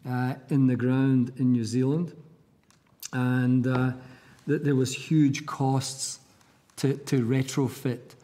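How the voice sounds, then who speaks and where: Mellow-voiced senator asking questions. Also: male voice, mid-range voice, flat delivery. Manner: halting, with restarts and fillers. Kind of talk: questioning at a parliamentary hearing.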